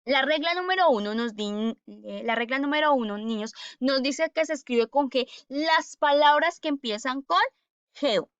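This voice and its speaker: A woman's voice: high voice, clear, resonant tone, dry recording, muffled recording. A woman teaching a language lesson to children, patiently sounding out syllables and often checking that they follow. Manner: patient, repeats syllables slowly, checks in with "¿cierto?" and "¿listo?".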